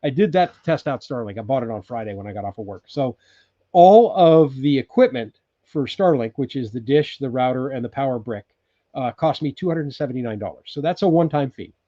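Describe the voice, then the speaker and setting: A man's voice: mid-range voice, animated, brisk, warm tone, dry recording, dull audio. A man in his sixties from California, hosting a casual livestream from his off-grid cabin, chatting loosely with many ums and restarts. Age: 60s. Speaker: livestream host. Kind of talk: casual live chat reading viewer comments.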